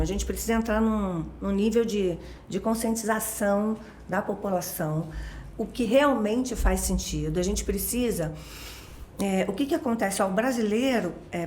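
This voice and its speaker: A woman's voice: a little high, slight background noise. Talkative carioca woman, roomy sound. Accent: Rio de Janeiro Portuguese. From Brazil, born in Minas Gerais. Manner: talkative, explains with everyday examples, frequent tag questions. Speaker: guest expert. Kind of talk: casual explanatory chat.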